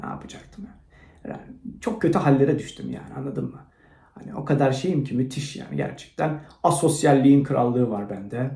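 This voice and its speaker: A man hosting his own channel, rambling through a crude, self-mocking monologue that swings from low mumbling to loud rants. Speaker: channel host. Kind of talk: rambling motivational vlog monologue. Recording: roomy echo.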